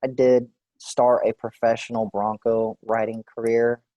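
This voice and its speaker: A man in his forties from Texas, answering questions in a clinical interview in a relaxed, hesitant way with many fillers. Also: mid-range voice, a little slow, no room sound, dull audio. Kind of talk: role-play clinical interview.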